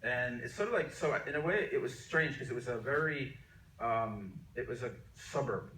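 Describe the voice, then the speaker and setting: A man's voice: mid-range voice, lively intonation, normal speed, bright, forceful tone, slight background noise. A middle-aged man who grew up in Jamaica talks through his memories as an interview guest, circling back and restarting his sentences. He sits a little back from the mic. The room gives his voice a noticeable echo. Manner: rambling, many restarts and fillers. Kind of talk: relaxed conversational storytelling. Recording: echoey room, mic at a distance.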